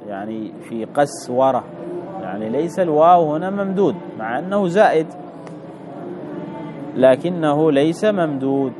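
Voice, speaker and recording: A man teaching Arabic grammar, reading a text and explaining it slowly, repeating key words and putting questions to the listener. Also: a little high, lively intonation, noisy background.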